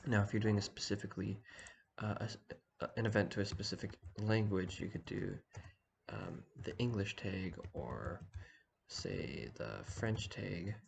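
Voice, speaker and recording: A man talking quietly in the early morning so as not to wake anyone, giving a casual screen-share walkthrough. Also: fairly low pitch, a little slow, gravelly, slight background noise. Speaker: online community organizer giving a tutorial.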